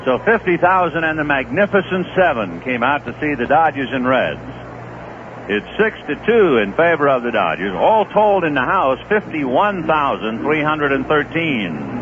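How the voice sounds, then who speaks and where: Heard through a tinny, noisy 1970s radio feed, a play-by-play man with a slightly high voice narrates a baseball game at a moderate pace. His delivery is lively and climbs with each big play.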